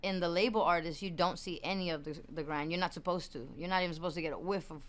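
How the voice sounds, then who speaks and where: A young adult woman, the guest musician, chatting casually in an interview, full of slang and shout-outs. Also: on the low side, fairly even intonation, quick pace, a little hiss or hum.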